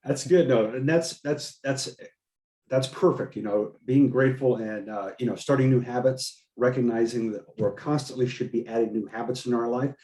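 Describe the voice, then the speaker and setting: A man's voice: medium pitch, moderate pace, dark tone, roomy sound. Upbeat man hosting a video call. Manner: encouraging, upbeat, repeats words. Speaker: host of a group video call. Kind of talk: motivational coaching talk.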